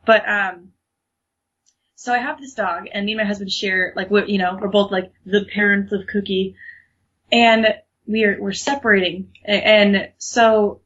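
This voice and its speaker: A woman's voice: medium pitch, steady tone, measured pace, a bit bright. A young woman co-hosting a podcast in casual chat, talking freely with lots of fillers and laughs. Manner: chatty, laughs often, many fillers. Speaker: podcast co-host. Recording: muffled lo-fi recording.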